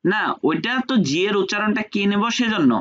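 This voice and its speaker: A man teaching French pronunciation in an online lesson, patiently repeating each sound slowly. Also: sits high, animated, fairly bright tone. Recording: dull lo-fi call audio.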